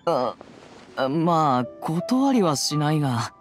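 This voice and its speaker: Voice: medium pitch, big pitch swings, normal speed, faint music behind, natural voice. A voice actor playing a dry, reluctant young exorcist in a video game, grumbling retorts.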